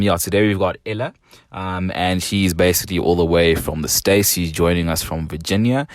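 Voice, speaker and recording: Young south african guy hosting a podcast, really deep voice, dry close sound. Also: dry recording. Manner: loose and friendly, frequent fillers. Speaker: podcast host. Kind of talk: casual chat.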